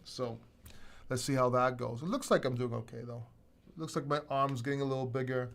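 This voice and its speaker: Brisk and a bit bright, this mid-range male voice carries vocal fry. He's a middle-aged UK man with a part-British, part-American accent, running a crypto livestream and responding to viewers' comments in loose chat. Expect rambling, offhand cursing, and many false starts.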